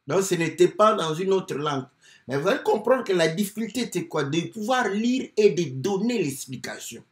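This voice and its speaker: A man preaching a sermon, teaching slowly with many fillers and repeated words. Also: medium pitch. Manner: slow, lively teaching with many fillers and repetitions. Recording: echoey room.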